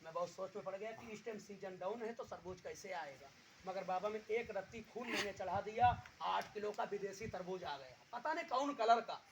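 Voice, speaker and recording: A man working as a street magician, calling out loud hawker-style patter to the people at an outdoor village show. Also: sits high, expressive, a little fast, background noise.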